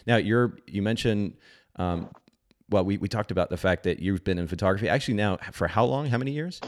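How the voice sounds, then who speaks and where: A man's voice: on the low side, a little fast. A man in his thirties hosting a podcast interview, friendly, often repeating words as he starts a sentence. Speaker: podcast host. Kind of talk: casual interview chat.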